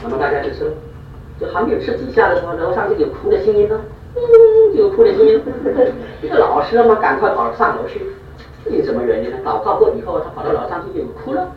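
Male preacher, storytelling sermon, quick and lively delivery, echoey distant hall sound. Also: sits high, phone-quality sound, slight background noise. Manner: animated, fast, repeats for emphasis.

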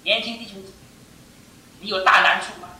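An older man preaching a sermon to his church, emphatic and animated, pressing each point home with "I tell you.". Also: high-pitched, moderate pace. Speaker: pastor. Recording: echoey hall, mic far off.

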